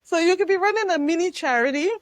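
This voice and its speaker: A middle-aged woman from Nigeria, a guest telling her story emphatically in a relaxed interview chat. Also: fast, dry recording. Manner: emphatic and lively, with sudden pitch jumps. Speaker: guest, real estate investor.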